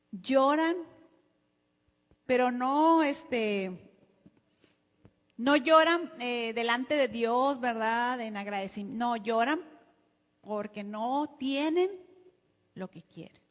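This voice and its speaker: A woman's voice: high-pitched, fairly bright tone, big-room sound. A woman pastor with a Mexican Spanish accent preaching a sermon, often calling out to the congregation as brothers.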